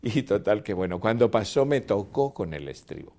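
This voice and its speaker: Older man, very deep voice, cinematographer, interview storytelling, acts out voices and sounds. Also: moderate pace. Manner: animated storyteller acting out dialogue and sounds. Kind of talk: interview reminiscence.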